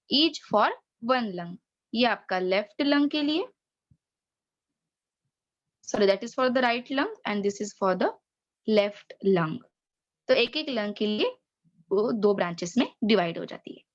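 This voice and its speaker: A woman teacher with an Indian accent, giving an online science lesson, explaining slowly and repeating key terms. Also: fairly high pitch, muffled recording. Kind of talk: online class lecture.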